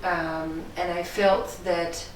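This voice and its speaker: A middle-aged woman from Denmark with a Danish accent, a film director giving measured, thoughtful interview answers. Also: lowish voice, flat delivery, slight background noise. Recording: echoey room, distant mic.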